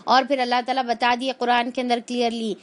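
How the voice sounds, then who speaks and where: A woman leads a religious lesson in a voice that sits a little high. She explains each point patiently, circling back with filler phrases and simple everyday examples. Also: level tone. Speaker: Quran teacher.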